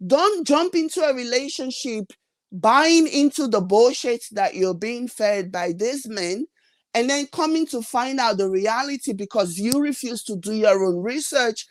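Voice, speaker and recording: A woman's voice: a little high, expressive, measured pace, no room sound. A woman ranting bluntly in a vlog, scolding her viewers with emphatic, exasperated questions. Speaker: reality TV commentator. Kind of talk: opinionated vlog rant.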